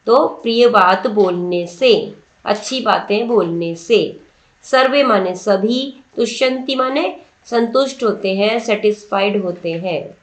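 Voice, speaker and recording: A woman teacher speaking in an unhurried, patient way, breaking each line down word by word and asking her listeners questions. Her voice sits in a roomy, echoing space. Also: mid-range voice. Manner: slow, patient word-by-word explanation with questions to students. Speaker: Sanskrit teacher. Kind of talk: explaining a textbook lesson. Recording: roomy echo.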